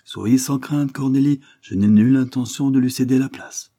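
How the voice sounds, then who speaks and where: A man reading the lines of a composed lawyer, measured and reassuring. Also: medium pitch, warm tone, voice pushed up, lightly acted. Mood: firm. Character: composed middle-aged male lawyer, firm and calm.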